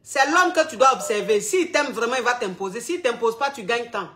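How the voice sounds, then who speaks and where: A woman's voice: fairly high pitch, animated, a little fast, sharp tone. A woman hosting a live call-in advice show, talking bluntly and repeating herself, calling listeners by pet names. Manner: blunt, repetitive, affectionate terms.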